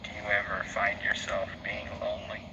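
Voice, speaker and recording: Low-voiced man questioning spirits, noisy recording. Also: completely flat delivery, normal speed, muffled recording. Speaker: paranormal investigator. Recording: clearly noisy amateur field recording.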